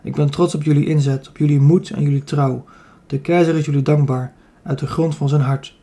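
A man's voice: fairly high pitch, steady tone, a little fast, warm tone, breathy edge. A man voicing a dignified male emperor who thanks his soldiers in a solemn, grateful address.

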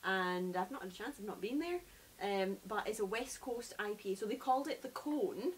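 A woman's voice: mid-range voice, animated, moderate pace, low-quality recording. Chatty Scottish woman reviewing beer. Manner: chatty, enthusiastic. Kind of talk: casual chat. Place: living room sofa, indoors. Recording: faint hiss.

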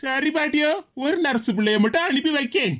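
A woman's voice: sits high, brisk, natural voice. Woman doing a baffled young cartoon doctor. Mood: puzzled. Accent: Tirunelveli Tamil. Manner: puzzled, muttering asides.

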